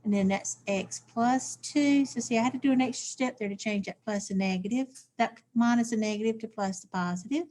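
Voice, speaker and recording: A woman's voice: a little high, fairly quick, hardly any pauses, mellow. A woman teacher, walking through math steps aloud in a recorded lesson and checking in with "okay?".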